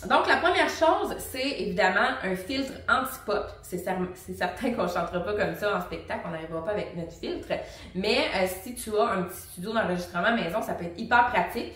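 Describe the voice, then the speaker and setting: A woman, a singing teacher and vocal coach, explaining technique to the viewer in a lively, casual way and demonstrating the sounds herself. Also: mid-range voice, fairly quick. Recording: very echoey room, mic at a distance.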